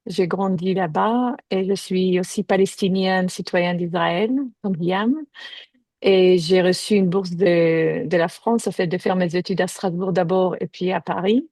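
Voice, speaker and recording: A woman from Jaffa speaking calmly as a panelist in a webinar. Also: fairly low pitch, normal speed, vocal fry, dry recording. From Jaffa, Israel. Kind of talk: webinar talk. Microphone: video call.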